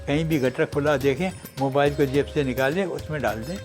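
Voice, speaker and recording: Joking male radio host, slightly high voice. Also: darkish tone, faint music behind. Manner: chatty, joking, acts out quotes. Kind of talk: humorous radio storytelling.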